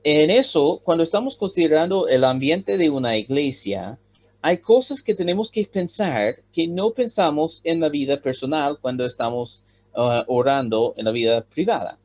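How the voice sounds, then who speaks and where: Gringo-accented pastor guy preaching, slightly high voice, pauses a lot, muffled lo-fi audio. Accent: American. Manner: pauses with many "ah" fillers, calm teaching tone. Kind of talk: sermon. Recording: dull lo-fi sound.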